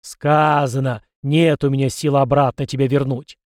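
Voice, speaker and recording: A man voicing an ancient male ancestor spirit, a disembodied voice that speaks in slow, weighty pronouncements. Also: mid-range voice, little pitch movement, a little mellow, dry recording, studio quality, lightly acted. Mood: solemn.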